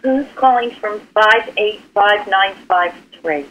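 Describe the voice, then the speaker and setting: A woman hosts a Bible study call over a telephone line, greeting callers by name with short, friendly remarks and soft laughs. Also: medium pitch, takes it slowly. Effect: heard over a telephone line. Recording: muffled phone-line sound with faint noise.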